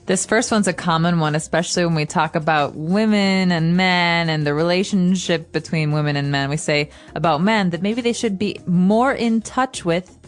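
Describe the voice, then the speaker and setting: Woman, podcast co-host, teaching English, playful, teasing, lowish voice. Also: normal speed, few pauses, faint music behind. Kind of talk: casual teaching chat.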